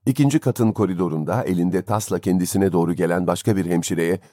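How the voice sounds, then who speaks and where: A man reading a story aloud as an audiobook narrator, in a measured, expressive way. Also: deep voice, no room sound, studio quality. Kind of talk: scripted narration.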